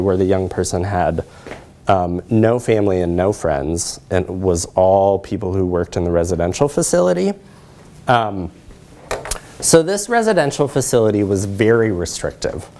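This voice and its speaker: In a lecture room, an American man in his thirties gives an explanatory research presentation and takes audience questions, checking in with his listeners as he goes. His voice is lowish and a little mellow.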